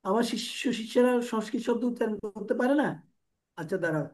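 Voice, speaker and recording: A man quoting an elderly male spiritual master in a calm, commanding voice within a devotional class. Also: high-pitched, fast.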